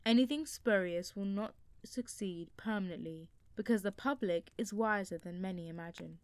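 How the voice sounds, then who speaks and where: A woman reading a classic nonfiction book aloud as an audiobook narrator, in a steady, measured way. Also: medium pitch, dry recording.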